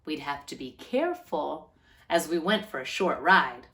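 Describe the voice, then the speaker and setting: A deep-voiced woman narrates a children's picture book in storyteller fashion. She stretches words out and keeps her phrasing animated and deliberate.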